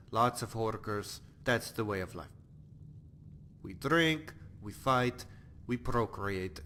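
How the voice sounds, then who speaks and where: An actor playing a blunt, bloodthirsty male Nord warrior exile in a game, talking about violence in a deadpan, matter-of-fact way. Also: on the low side. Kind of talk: game character monologue.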